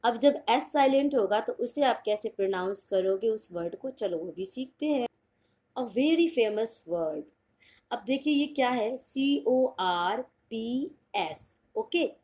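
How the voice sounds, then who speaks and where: A woman with an Indian accent teaching English pronunciation in Hindi, spelling words out letter by letter, repeating them and asking if it is clear. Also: on the high side, darkish tone. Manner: checks understanding with "clear?".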